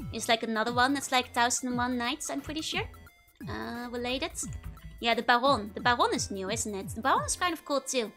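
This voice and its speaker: Her voice a little high, pushed and bright, a Dutch-accented woman streams and talks casually to live viewers. She giggles a lot and wanders through her thoughts with many fillers.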